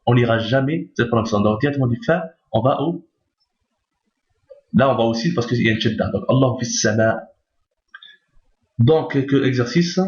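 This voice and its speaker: A man at a middle pitch gives a recorded lesson, patient and methodical. He repeats every point and keeps checking that his listeners are following. The sound is roomy and echoey, with a dull, lo-fi tone. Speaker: teacher. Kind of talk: recorded lesson on reading Arabic.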